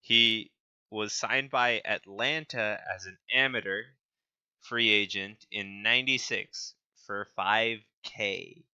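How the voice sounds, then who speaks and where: Young male co-host, slow delivery, very bright voice, dull lo-fi sound, casual stat-reading chat. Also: on the low side, fairly even intonation, smooth. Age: young adult. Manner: reads stats with stumbles and laughs. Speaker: podcast co-host.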